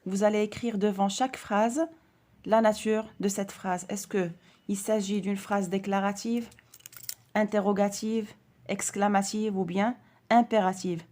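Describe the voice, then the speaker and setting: A woman's voice: medium pitch, fairly even intonation, unhurried, a little mellow. A woman teaching a grammar lesson to primary school children, speaking carefully and stressing each example sentence.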